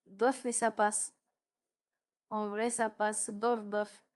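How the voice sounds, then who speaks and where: A woman's voice: medium pitch, level tone, takes it slowly. A woman in her twenties chatting casually on a livestream, playfully echoing lines back and forth. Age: 20s.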